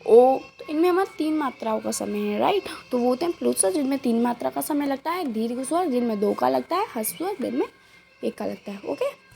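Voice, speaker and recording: A woman's voice: high voice, animated, brisk, creaky, mellow, faint music behind. A woman teaching a grammar lesson, repeating each point, asking the listener questions and mixing in English words.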